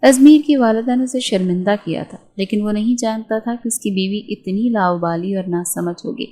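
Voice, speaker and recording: A woman narrating a romance novel in a steady, measured reading voice. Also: medium pitch, poor audio. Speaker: storyteller.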